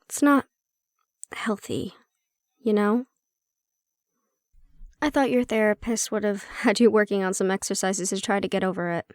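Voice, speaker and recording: A woman plays a prickly handler who secretly cares in an intimate fantasy audio roleplay, talking in a wry, measured, matter-of-fact manner with a blunt edge. Her natural, mid-range voice stays steady.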